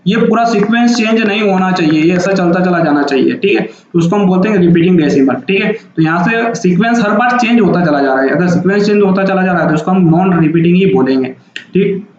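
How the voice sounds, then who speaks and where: A man's voice: high voice, fast talker, slight background noise. A man teaching a maths lesson, explaining patiently and repeating each point with frequent checks. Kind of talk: classroom-style math lecture. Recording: very echoey, dull lo-fi room sound.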